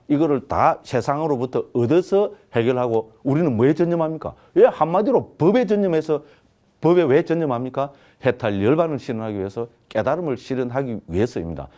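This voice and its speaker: A Buddhist monk, a man, teaches a class in a mellow, darker voice at a middle pitch. He keeps pausing to throw rhetorical questions at his listeners as he explains. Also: lively intonation.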